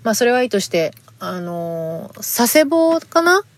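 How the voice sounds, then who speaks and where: A woman's voice: fairly high pitch, big pitch swings, measured pace, no room sound. Chatty woman podcast host, dry sound. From Fukuoka, Japan. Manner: polite and chatty, with frequent fillers. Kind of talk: casual podcast talk reading listener letters.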